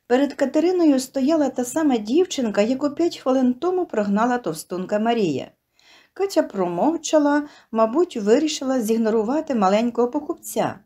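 Woman reading a sweet story aloud, soft dark tone, very expressive. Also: on the high side. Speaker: narrator. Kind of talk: storybook narration.

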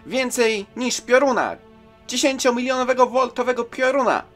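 A reader voicing an eager, excitable young boy hero who exclaims his lines from a comic. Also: medium pitch, normal speed, slightly rough, faint music behind, voice pushed up. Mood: excited.

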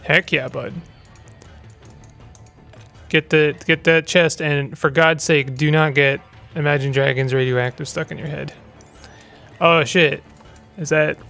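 Chatty man with a higher voice. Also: gravelly, a bit bright. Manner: rambling, chatty, stumbling restarts. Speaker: gaming channel host. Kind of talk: let's play commentary.

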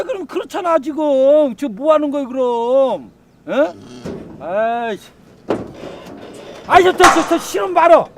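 A hot-tempered country father with a drawl, played by a man, his voice high and swinging widely as he scolds with coarse words. He sounds a little way from the mic, with clear noise behind him in this film recording. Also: distant mic. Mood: exasperated. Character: angry rural father, middle-aged, hot-tempered. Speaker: farmer and father. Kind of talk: film drama acting.

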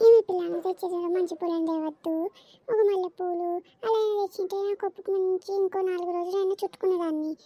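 A woman's voice: extremely high pitch, fairly even intonation, quick pace, dry recording, muffled recording. Woman doing a nagging old mother-in-law. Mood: boastful. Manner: scolding, complaining, nagging. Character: grumpy suspicious old mother-in-law, loud and bossy.

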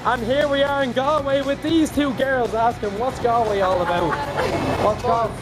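High-pitched boisterous young Irish man. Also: steady tone, moderate pace. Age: young adult. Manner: boisterous, sweary, slangy. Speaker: vlogger. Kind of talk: casual street vlog chat, quizzing passers-by. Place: busy shopping streets, pub and shops. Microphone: phone at arm's length. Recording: handheld phone recording with music and crowd noise. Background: music, crowd, street traffic.

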